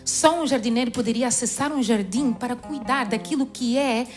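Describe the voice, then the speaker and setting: A woman's voice: a little high, normal speed, soft background music. A woman preaching a sermon in a church service, emphatic, telling the congregation to repeat phrases to each other.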